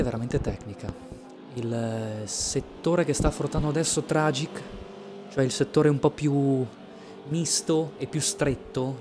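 A man giving casual live sim racing commentary as a streamer, hesitating and repeating words as he goes. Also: mid-range voice. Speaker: esports race commentator and streamer.

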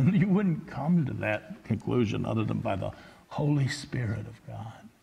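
A pastor preaching a sermon, emphatic, swinging between loud scripture quotations and quiet asides. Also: male voice, medium pitch, expressive, a little slow, gravelly, husky, dull audio.

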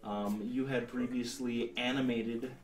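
A man's voice: mid-range voice, little pitch movement, unhurried, faint music behind. A man in his thirties narrating a tabletop role-playing game as game master, explaining things somewhat hesitantly. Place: indoor room, seated at a table. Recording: roomy sound, distant mic.

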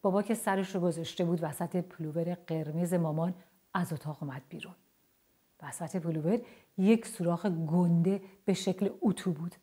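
Breathy woman reading a children's story. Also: fairly low pitch. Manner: lively expressive storytelling.

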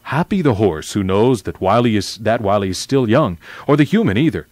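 A man voicing a majestic, wise male lion in a children's story read aloud, speaking slowly and gravely. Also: on the low side, expressive, a little mellow, dry recording, close to an everyday voice. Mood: solemn. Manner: slow, grave, deliberate speech. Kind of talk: reading a children's novel aloud.

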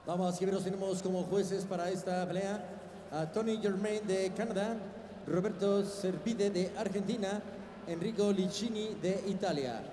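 A man's voice: sits high, steady tone, a little fast, warm tone. An older man, announcing theatrically in Spanish like a lucha libre ring announcer, stretching out names on a handheld microphone. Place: large indoor boxing arena, in the ring. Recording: echoey arena PA with long reverb, faint noise.

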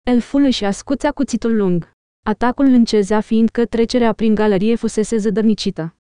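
Brief: woman narrator, slightly higher voice, mellow, steady storytelling. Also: smooth, no room sound, clean studio sound. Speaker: audiobook reader. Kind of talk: scripted narration.

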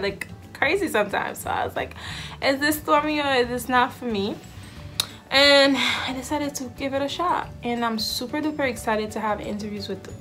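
A woman's voice: a little high, a bit bright. A woman in her twenties, raised in Haiti, chatting to camera with a giggly, filler-filled manner in a small room. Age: 20s. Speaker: vlogger. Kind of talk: casual introduction to camera. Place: indoors, small room with backdrop. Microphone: camera in front, head and shoulders.

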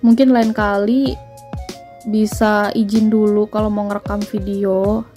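A woman's voice: medium pitch, level tone, a little slow, dark tone, soft background music. A woman, chatting through a grocery haul voice-over and listing prices. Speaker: vlogger.

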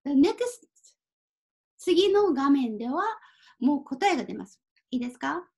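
A woman teaching a Japanese kanji reading lesson, speaking slowly and carefully, mixing in simple English explanations. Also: high-pitched, big pitch swings, creaky, darkish tone. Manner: apologizes and laughs at her own typo.

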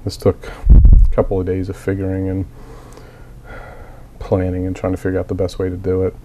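Man, low gravelly voice, getting over a cold, methodical hobby walkthrough, plain and hesitant. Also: completely flat delivery, moderate pace, dark tone, a little hiss or hum. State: recovering from a cold, coughing. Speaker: miniature hobbyist. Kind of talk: casual tutorial walkthrough.

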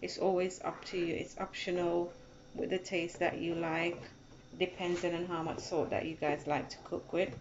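A woman's voice: fairly low pitch, level tone, normal speed. A woman hosting a casual home cooking tutorial in her kitchen, chatty and repeating her steps to viewers she calls guys. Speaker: cooking channel host. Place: home kitchen at a gas stove. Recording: dull lo-fi phone audio with background noise.

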